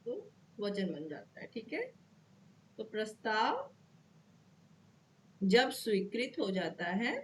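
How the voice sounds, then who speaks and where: A woman's voice: mid-range voice, sing-song, slow pace, pauses often, slight background noise. A woman teaching law to students, explaining step by step and checking in often with "okay" while repeating key terms.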